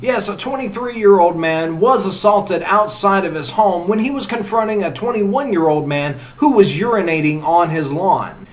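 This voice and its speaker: A man with a noticeably high voice hosts a comedic news roundup. He reads out strange headlines in a casual, sarcastic way. He keeps dropping jokey asides between the facts. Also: expressive, normal speed. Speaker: news show host. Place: lives in Orlando.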